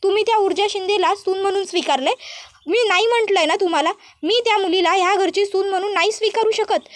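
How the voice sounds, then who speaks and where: A woman's voice: extremely high pitch, fast talker, no room sound, clean studio sound. A woman voicing a furious, proud middle-aged mother-in-law who scolds insistently. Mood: angry.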